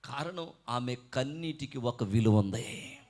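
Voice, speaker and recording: A man preaching a fervent sermon at a church meeting, swinging between quiet pleading and shouted hallelujahs. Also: medium pitch, expressive, a little slow. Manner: calls out hallelujah to the congregation. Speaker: pastor.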